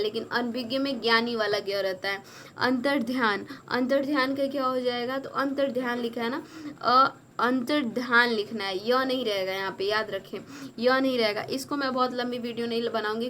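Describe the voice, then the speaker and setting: A woman tutoring exam students on spelling, going word by word slowly and repeating corrections. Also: a little high, fairly bright tone, slight background noise. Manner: slow, repetitive, correcting each word. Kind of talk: spelling lesson.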